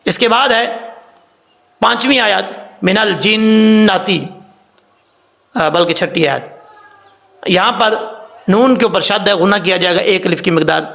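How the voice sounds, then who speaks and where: A man teaching Quran recitation rules, patiently explaining step by step, spelling out sounds slowly and repeating rules about common mistakes. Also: sits high, creaky, a bit bright. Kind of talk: tajweed lesson.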